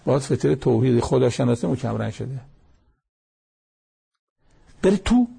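Gravelly-voiced man preaching a folksy sermon. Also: medium pitch, animated, mellow. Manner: folksy preaching with anecdotes and Arabic recitation. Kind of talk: sermon on Quran verses.

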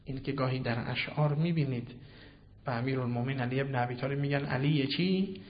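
A man giving a Quran commentary sermon, swinging between hushed and loud declaiming and posing questions he then answers himself. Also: mid-range voice. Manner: asks and answers his own questions. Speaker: preacher. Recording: reverberant hall, dull lo-fi sound.

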